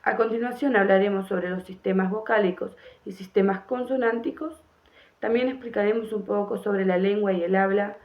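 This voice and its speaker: A young woman reads an outline of topics for a school video in an even, scripted way. Her voice sits at a middle pitch. The recording sounds dull and lo-fi. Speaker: student presenter. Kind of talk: reading an introduction.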